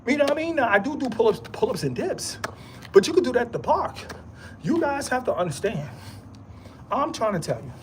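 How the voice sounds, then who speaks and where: A man's voice: very high-pitched, sing-song, a little fast, long pauses, a little hiss or hum. A man giving a rambling motivational monologue in streetwise slang, repeating himself often and laughing into his words. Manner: repetitive, emphatic, streetwise slang. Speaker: vlogger.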